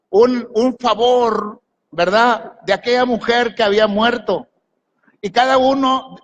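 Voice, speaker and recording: A pastor with a voice pitched high for a man delivers a sermon full of questions and commands aimed at the congregation. The recording is muffled, with a little hiss or hum and the long reverb of a large church hall.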